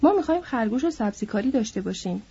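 A woman's voice: a little high, lively intonation, mellow, breathy edge, dull audio, exaggerated voice. A woman voicing a big, simple-minded man who insists anxiously and pleads, in an audiobook. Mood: eager.

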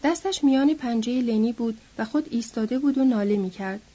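A woman reading a novel aloud in a steady storytelling manner, on a dull lo-fi recording. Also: fairly high pitch, slightly rough. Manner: steady storytelling, lifting her voice for quoted characters.

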